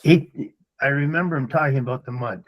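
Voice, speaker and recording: Brief: male call participant, husky voice, halting and unsure delivery. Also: medium pitch, lo-fi sound. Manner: hesitant, halting speech. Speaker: webinar participant. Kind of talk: casual recollection. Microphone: video call.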